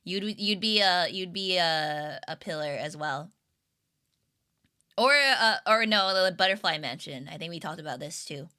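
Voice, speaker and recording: A woman's voice: fairly low pitch, animated, measured pace, sharp tone. A young woman streamer chatting casually with her viewers, rambling and giggling with lots of fillers. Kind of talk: casual livestream chat with viewers.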